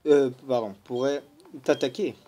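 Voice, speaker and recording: A man's voice: mid-range voice, steady tone, measured pace, mellow, soft background music. A young man doing casual let's play commentary, joking and swearing at characters while reading their lines aloud. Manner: joking, swears at game characters, reads dialogue in silly voices.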